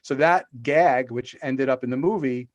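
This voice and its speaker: A middle-aged male author joins a podcast by video call, spinning long stories that wander, stall on fillers, and start over. He has a medium-pitched voice at normal speed, captured with no room sound and the high frequencies cut off.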